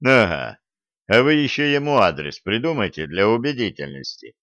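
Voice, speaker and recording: A man's voice: medium pitch, big pitch swings, moderate pace, a bit bright, no room sound, highs cut off. A man voicing a brash, mocking special-forces commander in an audiobook reading. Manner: scornful, provoking.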